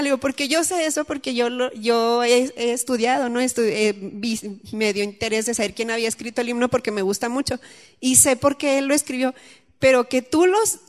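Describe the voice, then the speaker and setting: A woman speaks to a congregation in a fairly high voice. She tells stories with lively energy and acts out what others said. Her voice rings with the long reverb of a church hall. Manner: animated storytelling, acts out quotes. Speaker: church teacher. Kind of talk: church talk and prayer.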